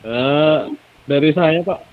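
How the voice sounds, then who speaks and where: A man speaks from a video call, his voice choppy and glitchy as the weak connection keeps breaking it up. The sound is thin and tinny like a phone line, and his voice sits fairly high. He speaks in short, halting bits, as a teacher at a staff meeting. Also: slight background noise. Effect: choppy, glitchy audio breaking up over a weak connection. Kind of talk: remarks in an online staff meeting. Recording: tinny online call audio, faraway sound.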